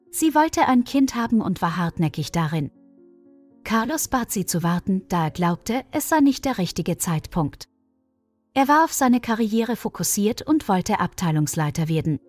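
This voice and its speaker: A woman's voice: fairly low pitch, a little mellow. Woman narrating a story over faint music.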